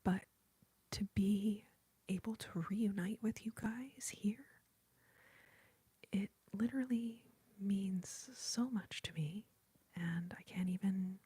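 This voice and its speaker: An ASMR YouTuber hosting a livestream whispers very close to the microphone in an airy, nearly voiceless hush, chatting in a heartfelt, grateful way. Her mid-range voice is mellow, soft-edged, and slightly rough, she takes things slowly, and the sound is dry with no room echo.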